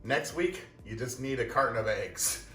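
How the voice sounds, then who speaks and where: A man's voice: medium pitch, lively intonation, normal speed, bright, forceful tone. Chatty young male cooking host, casual and self-mocking; roomy kitchen, distant mic, music under him. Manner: self-deprecating, chatty, talks while eating. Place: home kitchen.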